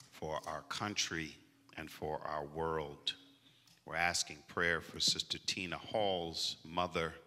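A middle-aged male pastor calmly reading prayer requests to his church. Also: rumbling low. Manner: measured, pastoral, slow. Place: large church sanctuary. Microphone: handheld microphone. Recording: church hall reverb.

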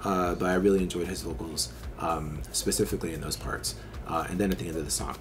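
A man's voice: low voice, fairly even intonation, fast talker, music in the background. A middle-aged man casually chatting his reactions as a video host, enthusiastic and full of fillers like "like" and "uh". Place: small home studio with neon light.

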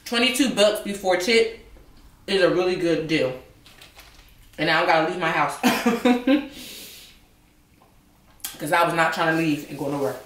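Chatty woman vlogger eating, a bit low. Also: fairly quick, long pauses, fairly bright tone. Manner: chatty, talks with mouth full. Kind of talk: casual chat while eating. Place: home, indoors. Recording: roomy, from a distance.

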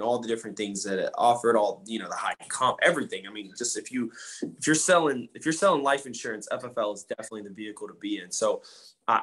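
A man in his twenties tells his story in a relaxed, slangy way, peppering his talk with casual filler words. His voice sits at an ordinary middle pitch. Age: 20s. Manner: laid-back, slangy, says dude and man often. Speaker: guest.

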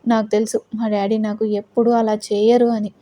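A woman's voice: medium pitch, flat delivery, normal speed, warm tone, no room sound, lightly acted. A woman voicing a young bride who confronts her husband, pleading and defiant. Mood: defiant, hurt.

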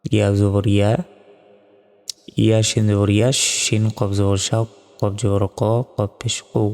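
Slow, patient male Quran reading teacher. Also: on the low side, completely flat delivery, creaky, mellow, clear, resonant tone, in a large hall, faint music behind. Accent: Bangladeshi. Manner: slow, patient letter-by-letter spelling. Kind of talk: spelled-out recitation lesson.

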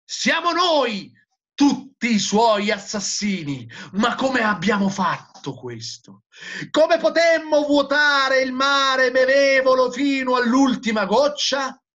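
A man's voice: very high voice, lively intonation, takes it slowly, bright, forceful tone, voice pushed up, heavily acted. A male teacher reading aloud as a frantic madman who cries out in anguished declamation, on a dull lo-fi recording. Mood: anguished shouting. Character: frantic male madman crying out that God is dead.

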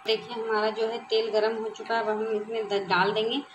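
A woman's voice: fairly high pitch, little pitch movement, moderate pace, low-quality recording. A woman vlogger in her forties, casually talking through a recipe step by step in her home kitchen, filmed on a phone. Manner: plain, homely instructions. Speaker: cooking vlogger. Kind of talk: casual step-by-step cooking narration. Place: home kitchen with gas stove. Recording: loud kitchen noise. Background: frying and stirring sounds.

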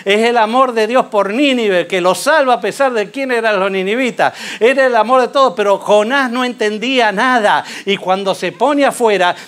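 A man preaching a sermon, telling a Bible story with rhetorical questions and lively storytelling. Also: sits high, normal speed, hardly any pauses.

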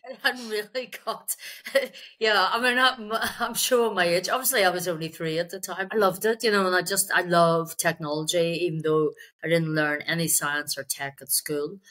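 Speaking from an indoor room on a video call, this Belfast-accented, middle-aged sales executive tells an interviewer the story of her career, dropping in dry jokes at her own expense. Her voice is lowish, steady, and fairly bright, at normal speed.

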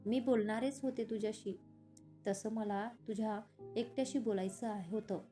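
A woman reads a young wife who pleads and teases in a storybook. Her tone is mellow and even, at a middle pitch. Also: normal speed, faint music behind, close to an everyday voice. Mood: light. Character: lively young woman, playful and emotional. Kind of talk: storybook reading.

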